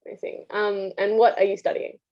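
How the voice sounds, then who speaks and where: Brief: young woman interviewer, mellow dark voice, eager, dull lo-fi recording. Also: mid-range voice, level tone, fairly quick. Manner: enthusiastic, repeats "amazing" and "fantastic". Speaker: interview host. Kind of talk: casual interview. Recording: dull lo-fi sound.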